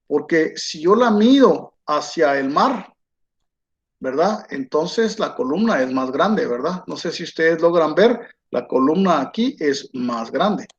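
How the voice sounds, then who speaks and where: A man teaching an online lecture, slow and patient, checking in with his students after nearly every phrase. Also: on the high side. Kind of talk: online lecture while drawing on a board. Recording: dull lo-fi sound.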